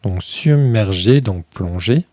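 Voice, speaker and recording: A man chatting casually through a review of a tarot deck, filling pauses with "euh" and thinking aloud as he goes. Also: on the low side, expressive, warm tone, dry recording. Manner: chatty, many fillers, thinks aloud while flipping cards.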